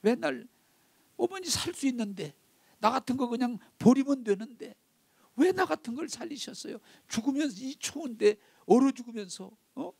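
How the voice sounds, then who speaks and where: A man's voice: animated, normal speed, creaky, darkish tone, breathy edge, no echo, exaggerated voice. A man voicing an anguished young adult man who wails and pleads in tears to his dead mother. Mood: pleading. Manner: wailing, high strained pleading.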